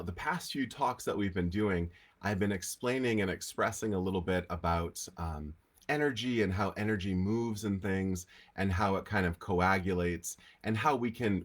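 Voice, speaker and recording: A man with a slightly low voice hosts a casual weekly livestream about healing, sounding congested and nasal from allergies. He chats in a relaxed, easygoing way with frequent fillers.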